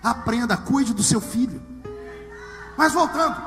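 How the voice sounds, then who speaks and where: High-voiced man preaching in a hall. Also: a little slow. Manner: dramatic swings from hushed asides to shouted lines; humorous storytelling. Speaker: pastor. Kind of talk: live preaching to a congregation. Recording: long hall reverb with music underneath.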